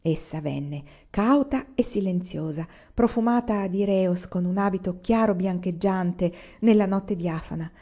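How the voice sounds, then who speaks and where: A woman narrating a literary audiobook in a measured, expressive way, on a dull lo-fi recording. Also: on the low side. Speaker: audiobook reader.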